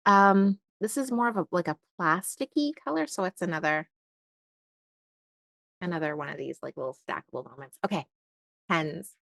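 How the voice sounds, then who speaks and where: A woman's voice: fairly low pitch, normal speed, creaky, long pauses, a bit bright, no echo. A young woman chatting casually while unboxing stationery and thinking aloud with lots of fillers. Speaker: stationery vlogger.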